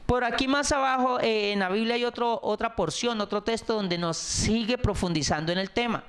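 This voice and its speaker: Male pastor, middle-aged, high voice, earnest repetitive sermon delivery. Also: normal speed, a bit bright. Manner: earnest, repetitive preaching with varied pace and emphasis.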